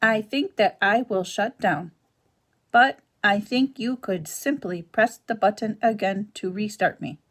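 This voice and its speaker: Gentle female robot mother, polite, measured, woman reading aloud, storybook voice. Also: medium pitch, lightly acted. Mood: calm. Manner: polite, precise, measured speech. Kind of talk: reading a children's novel aloud.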